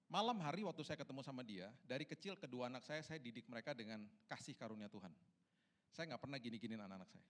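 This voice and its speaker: A man in his forties preaching a sermon as pastor in a large church, telling stories and swinging between soft, hushed passages and loud, soaring ones. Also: medium pitch, lively intonation, fast.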